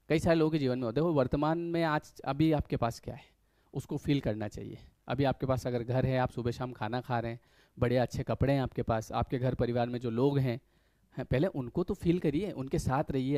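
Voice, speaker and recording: A man's voice: medium pitch, a little mellow, no room sound. A man giving a conversational motivational spiritual talk, earnest, full of rhetorical questions and little acted-out quotes.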